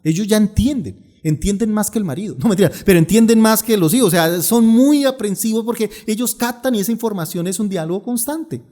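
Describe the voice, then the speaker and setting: Male pastor, sermon, joking storyteller, a bit high-pitched. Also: fairly quick, hardly any pauses. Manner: humorous storytelling preacher, lively asides.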